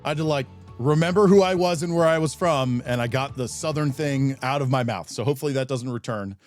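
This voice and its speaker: A man's voice: mid-range voice, fairly quick, faint music behind. A man hosting a news magazine show, chatty and self-deprecating between stories. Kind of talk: casual studio presenting.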